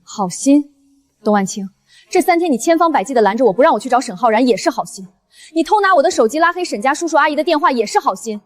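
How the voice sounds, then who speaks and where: A woman's voice: high voice, lively intonation, fast. An actress playing a guilt-torn young ex-wife who accuses her scheming husband with emotion. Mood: accusing.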